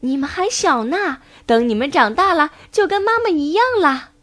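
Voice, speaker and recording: A woman voicing a cheerful mother frog in a children's story, speaking in a lively way. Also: high voice, moderate pace, pitched above the performer's own voice. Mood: joyful.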